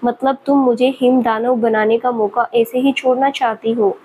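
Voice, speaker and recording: A teasing young male professor with a light, higher voice , played by a woman reading a storybook. He is playful and mischievous, always poking fun with a grin in his words. Faint background hiss sits under the voice. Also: fairly even intonation, normal speed, dark tone, close to an everyday voice, rough recording. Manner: teasing, laughing at her.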